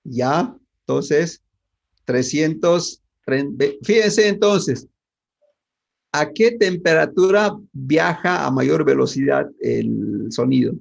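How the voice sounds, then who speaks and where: A male physics teacher, talking through a lesson and tossing question after question at his class. His voice is gravelly and husky at a middle pitch. It comes through a dull, lo-fi mic. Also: takes it slowly. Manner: asks the class questions constantly, with many tag questions. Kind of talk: online class lecture.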